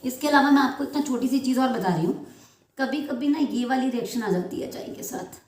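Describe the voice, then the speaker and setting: This chemistry teacher speaks in a high, expressive, slightly mellow voice at a brisk clip, explaining through everyday comparisons and often asking if the class follows. The classroom echoes, and a faint hiss or hum runs underneath.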